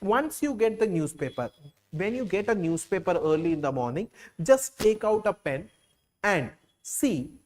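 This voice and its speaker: An exam coaching teacher from Kerala gives a classroom lecture in a Keralite Indian English accent, his high-pitched, darkish voice expressive and moderately paced. He repeats phrases and uses plenty of "uh" and "like" fillers.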